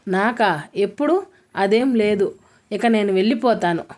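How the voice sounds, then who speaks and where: A woman reading a storybook part for a timid, frightened young woman who answers softly and hesitantly. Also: mid-range voice, measured pace, lightly acted. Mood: nervous. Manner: soft hesitant denials.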